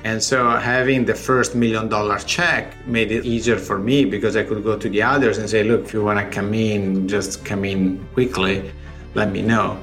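Soft music plays in the background as this Italian man, a startup founder with an Italian accent, explains his fundraising figures one step at a time in a recorded interview. He speaks with a lowish, slightly bright voice, keeping a level tone and a normal pace.

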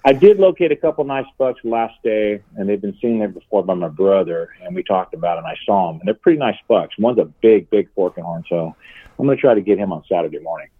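A middle-aged man talks over speakerphone from his home, and his voice sits low and rambles along with easy chuckles. The call comes through a narrow, phone-like line with a dry, close sound and no room echo. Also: expressive, fast talker, slightly rough. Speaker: guest angler calling in. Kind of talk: casual chat. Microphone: cell phone on speakerphone.

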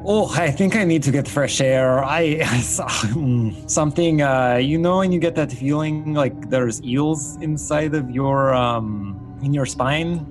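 A man taking part in a tabletop game, joking and rambling in an animated way. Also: medium pitch, a little slow, hardly any pauses, over music. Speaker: player.

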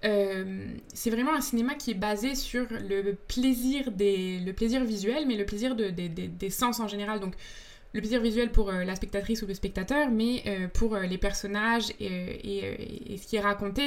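Young woman guest, enthusiastic and reflective, picks her words as she goes, mid-range voice. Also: mid-range voice. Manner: thoughtful, searching for words, enthusiastic. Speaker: podcast guest, comics author and film student. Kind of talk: casual interview talk.

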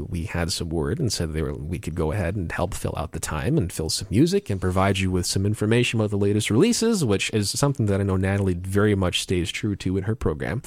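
A man's voice: sits low, a little mellow, no echo. A man hosting a community radio show, chatting casually with a co-host and introducing songs, rambling with many fillers.

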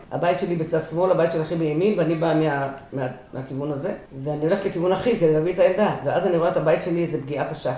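An older woman recounting a personal war memory in an interview, emotional and vivid, acting out what she shouted. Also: sits low, reverberant. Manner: emotional storytelling, acts out quoted shouts.

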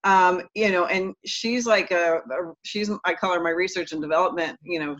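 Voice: medium pitch, steady tone, moderate pace, a bit bright, lo-fi sound. A podcast host in casual interview chat, talking loosely in rambling sentences and joking along.

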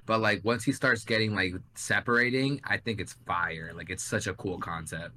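A man's voice: fairly low pitch, normal speed, sharp tone, slight background noise. A young man talking casually about anime as a co-host, enthusiastic and slangy in a swearing frat-bro way. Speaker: podcast co-host. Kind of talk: casual anime discussion chat.

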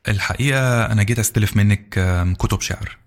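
A man narrating a novel in a calm, measured storytelling voice. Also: lowish voice, no room sound, clean studio sound. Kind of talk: audiobook narration. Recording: narration over background music.

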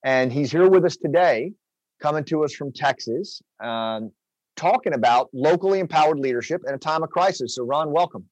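A man's voice: a little high, expressive, moderate pace, a little mellow, dry recording, rough recording. A man hosting a podcast, introducing his guest in an enthusiastic, rambling casual chat. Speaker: podcast host.

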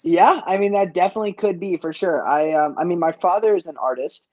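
Talking fast in a high, darkish voice, a Boston-born chef and business owner from East Boston, USA, tells casual stories as an interview guest, his slangy speech peppered with "like." The recording is muffled and has no room sound.

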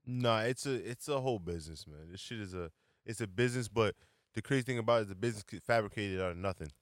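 A man in his late twenties in a casual chat, blunt and slangy, quick to agree. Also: on the low side, dry recording, clean studio sound. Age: late 20s.

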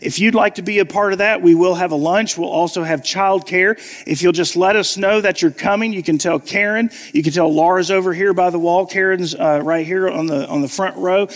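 In a high, steady voice that's slightly fast with hardly any pauses, a pastor preaches and makes church announcements, sounding a little scratchy from a cough. He talks conversationally, repeating phrases and drawing out key words, while the sanctuary adds a long reverb.

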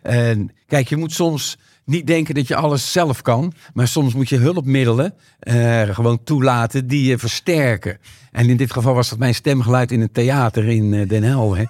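A man with a Rotterdam accent speaks with a voice strained and worn from overuse. He talks in an animated way, tossing in tag questions. The sound is close and dry, with no room around it. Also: mid-range voice, normal speed, dry recording. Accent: Rotterdam Dutch. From Rotterdam, Netherlands. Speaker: guest speaker. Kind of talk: podcast conversation.

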